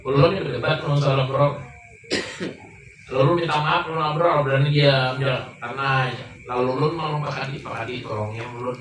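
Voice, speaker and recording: Preacher acting out a soft pleading banjar guy, quiet and casual, echoey room far from the mic. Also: medium pitch, fairly even intonation, moderate pace, a little hiss or hum, close to an everyday voice. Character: grown man pleading for help after a quarrel.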